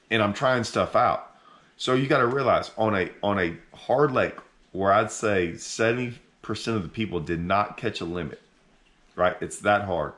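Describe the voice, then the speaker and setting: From the couch in his living room, a middle-aged fishing channel host addresses a camera set up in front of him at sitting distance, his voice on the low side. His talk is casual and animated, full of restarts as he works through his thoughts aloud.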